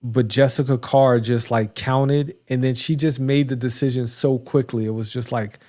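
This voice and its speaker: Mellow-voiced man recapping wrestling casually. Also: mid-range voice, steady tone, normal speed. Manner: rambling, laughing recap with restarts. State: has the hiccups. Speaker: podcast co-host.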